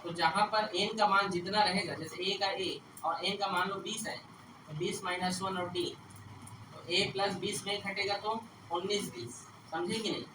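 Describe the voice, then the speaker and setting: A man's voice: high voice, steady tone, a little slow. A male teacher giving a classroom math lesson, often scolding students and checking whether they understand. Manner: checks understanding with repeated questions. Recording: echoey classroom from far off, traffic noise.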